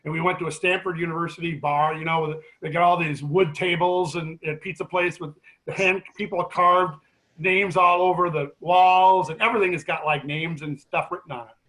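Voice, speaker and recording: A middle-aged man with a fairly high-pitched voice speaks as a guest at a grief support meeting. He tells his story to the group casually and with animation, often stopping and restarting his sentences. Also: poor audio. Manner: animated, halting, many restarts.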